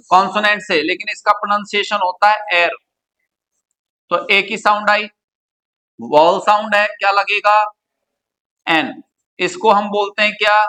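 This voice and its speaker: Male grammar teacher from India, high bright voice, keeps quizzing the class. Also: rough recording. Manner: quizzing students with repeated questions. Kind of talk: classroom lecture.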